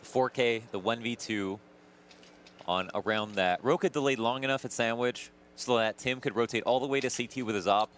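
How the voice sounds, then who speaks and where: A man's voice: medium pitch, moderate pace, fairly bright tone, a little hiss or hum. A man giving conversational, analytical commentary on a live video game match as the analyst of the broadcast.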